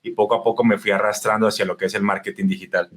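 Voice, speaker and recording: Racing along in a voice on the low side, a talkative man appears as a guest in a conversational podcast interview. He's a marketing specialist from Colombia, raised in northern Spain, with a relaxed, chatty manner full of fillers and restarts.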